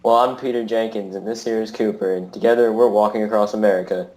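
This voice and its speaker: A man's voice: on the low side, steady tone, quick pace, a little mellow, lightly acted, low-quality recording. A man playing a polite bearded hiker. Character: friendly young male hiker with a beard.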